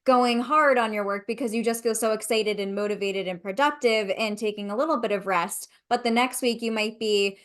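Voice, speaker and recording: A woman hosting a casual interview, asking quick chatty questions and affirming her guest. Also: a little high, fairly bright tone. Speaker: podcast host.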